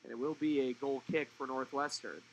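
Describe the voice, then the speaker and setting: A young man giving live play-by-play commentary on a college soccer match, fluent and rising in pitch when the play turns attacking. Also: fairly even intonation, a little fast, dull audio.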